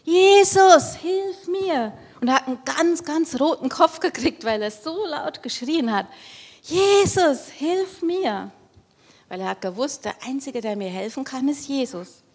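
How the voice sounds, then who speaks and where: Lively woman telling a children's Bible story. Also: high voice, moderate pace, few pauses, husky. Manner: lively, explaining, asks the audience questions.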